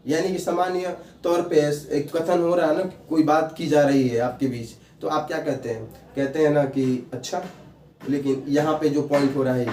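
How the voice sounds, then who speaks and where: A man's voice: on the high side, mellow, slight background noise. A male teacher giving a grammar lesson, repeating key terms and quizzing his students with questions. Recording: echoey room, voice a bit far from mic.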